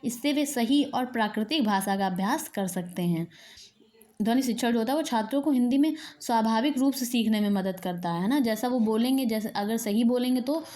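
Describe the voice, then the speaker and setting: A woman's voice: a little high, brisk, darkish tone. A woman teacher giving an exam-prep lecture, reading each point aloud and then explaining it again in plain words.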